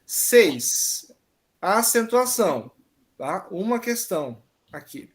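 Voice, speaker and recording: A man's voice: sits high, very animated, slow. A man teaching an online exam-prep grammar lesson, patiently explaining and often checking that students follow.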